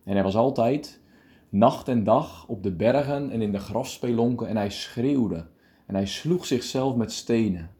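A male preacher giving a calm radio meditation, reading scripture deliberately and explaining it. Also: medium pitch.

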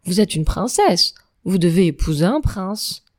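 A woman's voice: on the low side, big pitch swings, unhurried. A woman voicing a pompous young male knight who protests emphatically and stammers when thrown. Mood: flustered insistent.

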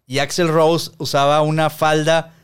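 A man's voice: on the high side, measured pace, clean tone. A Mexican man, likely in his forties, chatting casually as a podcast co-host, telling stories with slang and swearing. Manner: relaxed storytelling with slang and swearing. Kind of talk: casual chat.

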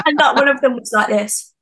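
A woman's voice: high voice, normal speed, a bit bright. Chatty giggly young woman. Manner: chatty, giggly, lots of "like" fillers. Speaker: singer-songwriter guest. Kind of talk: casual interview chat.

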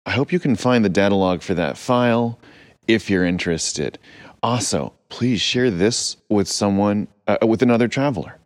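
A man's voice: fairly low pitch, lively intonation, moderate pace, dry recording, studio quality. A man narrating an improvised audio adventure as a captain, playful with rambling asides.

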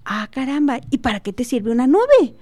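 A woman's voice: high-pitched, sing-song, normal speed, a little mellow, no echo. Woman voicing a curious young student. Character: curious young male student, friendly and thoughtful.

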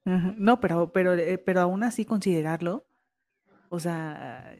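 A woman's voice: on the low side, measured pace, a little mellow. A woman hosting a casual conversation, reacting with short interjections and some stammered restarts. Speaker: host.

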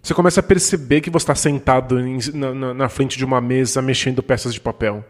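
A man's voice: mid-range voice, steady tone, quick pace. A man with a Brazilian accent co-hosting a podcast, explaining ideas thoughtfully with frequent restarts. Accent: Brazilian Portuguese. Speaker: podcast co-host. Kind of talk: casual discussion. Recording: long reverb.

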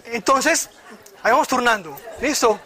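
A man teaches at a church retreat, his voice very high and bright. He tells his own stories in a lively way and acts out the voices of the people in them. The sound is that of an indoor meeting room. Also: moderate pace, some chatter behind. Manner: animated storyteller who acts out voices. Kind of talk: informal sermon with personal stories.

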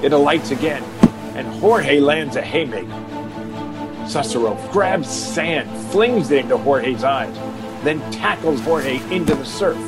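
A man's voice: fairly high pitch, lively intonation, a little slow, loud music behind the voice. A man narrating an audio drama in a dramatic, scripted style.

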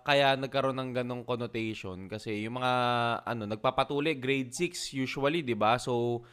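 Crude joking man, smooth voice. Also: mid-range voice, moderate pace, a bit bright. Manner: crude, joking, explains at length. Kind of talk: casual chat.

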